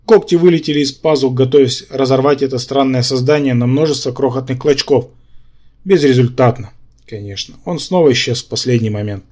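Guy reading an audiobook in first person, steady, wry asides, middle pitch. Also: a little fast. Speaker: audiobook narrator.

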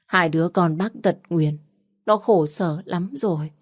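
A woman voicing a poor older village man who shouts curses at a neighbor, then wails and pleads in despair. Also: lowish voice, a little slow, no room sound, studio quality.

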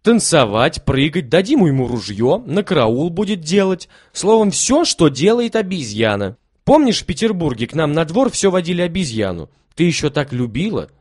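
A man's voice: fairly high pitch, big pitch swings, normal speed, few pauses, breathy edge, dry recording, clean studio sound, voice pushed up. A man voicing a scheming, bossy boy. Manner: loud, coaxing, then commanding. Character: scheming, bossy brother who leads the game.

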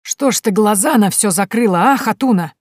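A woman reading an audiobook voices a sharp-tongued, domineering old mother-in-law who scolds slowly and cuttingly. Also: medium pitch, no echo, clean studio sound, voice pushed up, natural voice. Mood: scolding.

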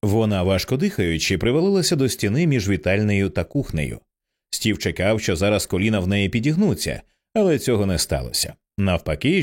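A man narrating an audiobook with an expressive, dramatic reading. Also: lowish voice.

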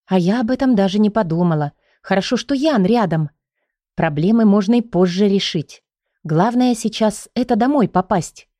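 A woman tells a fantasy story in the first person and reads it with feeling. Her voice sits at a mid pitch. The recording is dry and close, with no room sound. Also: lively intonation, moderate pace, mellow, dry recording. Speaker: audiobook narrator.

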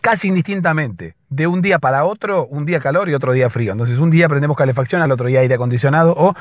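A hoarse man hosting a casual solo podcast, explaining patiently and often checking in with his listeners. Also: on the high side, quick pace, dry recording. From Latin America. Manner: explanatory, keeps checking in with a questioning "right?". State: hoarse, slightly husky voice. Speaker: podcast host.

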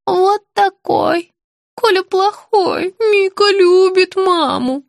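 A woman reading an audiobook, voicing a frail, confused old woman who speaks slowly and pleads, often breaking into anguished cries. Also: extremely high pitch, gravelly, no room sound, clean studio sound, pitched above the performer's own voice, full character voice. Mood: dazed, pleading. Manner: slow, pleading, rising to wailing cries.

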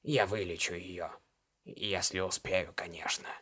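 A grim, imperious old shaman woman, as a male reader puts her on speaks in a low, hoarse voice. Her words come slowly and curtly, hushed and menacing. It is audiobook character work. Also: fairly even intonation, full character voice. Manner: slow, curt, menacing.

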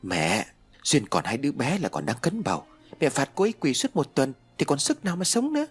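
A man's voice: mid-range voice, sing-song, moderate pace, breathy edge, faint music behind. A man voicing a nervous young husband who hesitates and stammers in an audiobook.

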